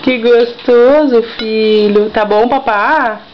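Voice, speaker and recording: A woman's voice: on the high side, fairly even intonation, slow. A young mother talking baby talk to her toddler, coaxing and repeating herself in a sing-song way. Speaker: mother feeding her child. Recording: dull lo-fi home video with faint noise.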